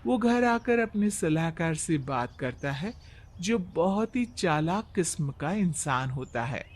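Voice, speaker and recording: A man's voice: a little high, lively intonation, a little slow. A man narrating a scripted moral story as its storyteller.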